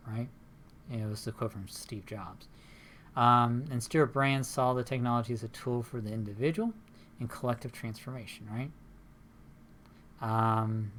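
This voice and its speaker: A man's voice: medium pitch, slight background noise. A man giving a recorded university lecture in a rambling, conversational way, often checking in with tag questions.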